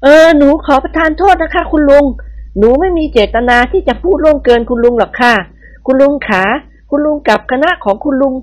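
A storyteller voicing a sweet, polite young woman who speaks in a soft coaxing way. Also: high-pitched, expressive, a little fast, pitched above the performer's own voice.

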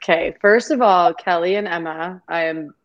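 On a video-call interview, a woman podcast guest from a half-Greek, half-Irish family talks effusively, gratefully and ramblingly. Her voice is fairly low, her pace moderate, and the audio's highs are cut off.

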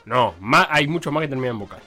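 A man co-hosting a radio sports show, talking in quick, teasing banter. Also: mid-range voice, animated, bright, forceful tone, faint music behind. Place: radio studio.

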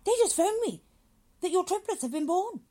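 A woman's voice: extremely high pitch, sing-song, moderate pace, dark tone, voice pushed up. A woman voicing a severe, pompous old male doctor who lectures emphatically in a dramatic story reading. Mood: cheerful. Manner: emphatic, declamatory.

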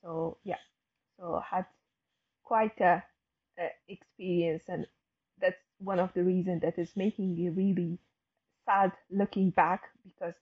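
Woman in her twenties as interview guest, hesitant and halting, husky voice, dull muffled sound. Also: fairly low pitch. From Afghanistan. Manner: hesitant, many fillers and restarts. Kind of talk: casual interview talk.

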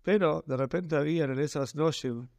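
A man with a Rioplatense Spanish accent tells a religious tale in a slightly raised voice. He sounds earnest and slows down to stretch the key words. The sound is dry and close. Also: fairly high pitch, creaky, a little mellow, no room sound. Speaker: storyteller. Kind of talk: telling a religious story.

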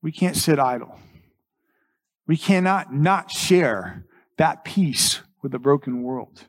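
A man with a somewhat high voice delivers a church sermon. He exhorts his congregation earnestly, repeating key phrases and pausing deliberately for emphasis. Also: expressive. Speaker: pastor.

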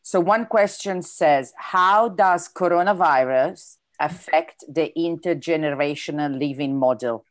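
A woman's voice: deep voice, a little slow, few pauses. A woman with an Italian accent moderating an online question session, casual and lightly joking as she reads out questions over a video call. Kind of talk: hosting an online Q&A.

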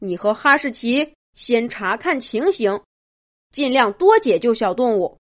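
A woman voicing a calm, caring dog police chief. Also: fairly high pitch, unhurried. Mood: steady.

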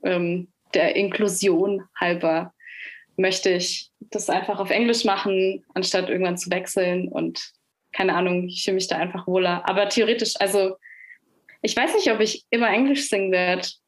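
A young German woman with a Franconian accent chats casually as a musician guest on a podcast, using lots of fillers and laughing easily. Her voice is lowish, with fairly even intonation and a normal speed.

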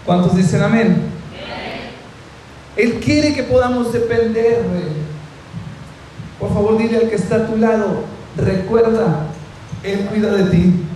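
A man's voice: high-pitched, measured pace, long pauses, mellow, slight background noise. A male pastor preaching a fervent sermon, often calling out amen and asking the congregation to speak to the person beside them. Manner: addresses the audience directly and asks them to repeat phrases. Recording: very echoey room with faint ambience.

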